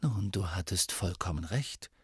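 A man's voice: sits low, a little slow, breathy edge, no echo, clean studio sound, exaggerated voice. Dumbledore, a man reading a patient old wizard. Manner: calm, gentle and soft-spoken. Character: patient, kindly old male wizard teacher.

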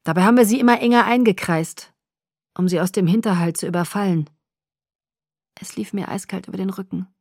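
A woman's voice: medium pitch, fairly quick, pauses often, darkish tone, no room sound, studio quality, close to an everyday voice. A woman voicing a hot-tempered young man who barely holds back his rage, speaking in tense, clipped bursts. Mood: reporting.

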